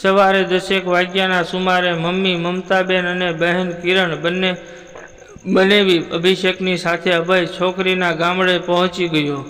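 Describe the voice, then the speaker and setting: A man narrating a moral story in a steady, even storytelling read. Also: sits high, big-room sound.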